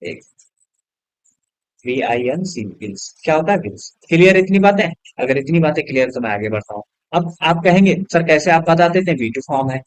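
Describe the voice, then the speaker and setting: A man's voice: on the high side, animated, brisk, dry recording, poor audio. A man teaching an English grammar lesson in a classroom style. He asks his students questions and answers them himself, and he spells words out letter by letter.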